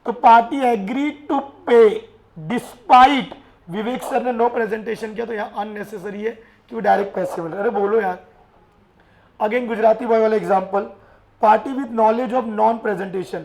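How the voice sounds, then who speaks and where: A man teaching a class in a lively way, often urging his students to answer and mixing English terms into his speech. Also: high-pitched, gravelly. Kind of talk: classroom lecture.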